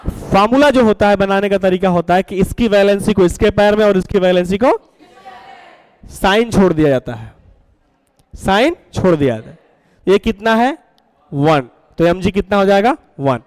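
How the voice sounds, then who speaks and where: A man's voice: high-pitched, expressive, moderate pace, darkish tone, dry recording, low-quality recording. A man teaching a chemistry class, coaxing students with questions and repeating their answers. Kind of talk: classroom lecture.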